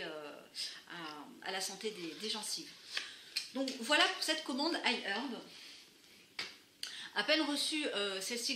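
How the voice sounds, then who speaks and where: A woman's voice: medium pitch, pushed and bright, slight background noise. A woman vlogger casually reviewing her product haul, hesitating with many fillers but enthusiastic. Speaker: beauty vlogger. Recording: echoey room.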